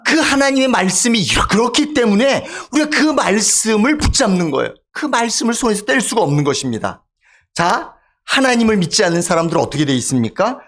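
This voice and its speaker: A man's voice: high-pitched, very animated, brisk, a bit bright. A male pastor delivering a sermon in a church, emphatic and calling out for amens from the congregation. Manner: emphatic, calls for amen from congregation. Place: church sanctuary.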